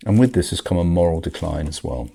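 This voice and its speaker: A man's voice: low voice, expressive, fast talker, creaky, dark tone, slightly rough. An older man in a grumpy, world-weary back-in-my-day rant, commenting on the world with emphatic outbursts. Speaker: video commentator.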